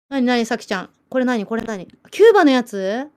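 A woman's voice: fairly high pitch, moderate pace. Giggly, chatty Japanese woman streamer. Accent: Nagasaki island dialect. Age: late 30s. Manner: chatty, giggly, animated storytelling. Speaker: livestream host. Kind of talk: casual chat reading viewer comments.

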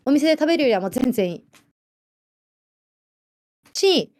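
A woman with a Kyushu accent chatting casually as a livestream host, lively and laughing often while answering viewer comments. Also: high voice, normal speed. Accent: Kyushu Japanese. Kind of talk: casual chat.

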